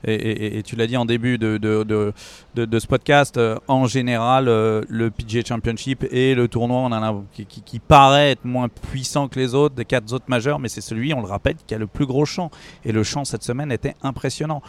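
A man's voice: mid-range voice, steady tone, a little fast. A man giving opinionated, conversational golf analysis as a pundit, often repeating words as he searches for phrasing. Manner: opinionated, with stammered repetitions.

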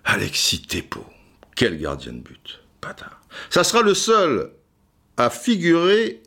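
A man's voice: on the high side, huge pitch swings, slow, vocal fry, bright, forceful tone, slightly rough. A man hosting a playful football history podcast, joking and theatrical, often stammering repeats. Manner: jokey, theatrical, stammering repeats, sings and hums asides. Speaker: podcast host.

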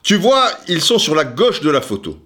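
A man's voice: fairly high pitch, sing-song, normal speed, pushed and bright. A man hosting a podcast, telling a self-mocking story and acting out voices and sounds. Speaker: podcast host. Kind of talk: casual storytelling monologue.

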